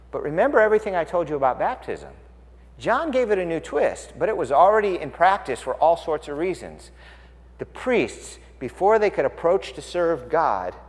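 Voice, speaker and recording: A middle-aged man preaching a sermon, swinging from loud exclamations down to quiet explanation. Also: mid-range voice, in a large hall. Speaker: pastor.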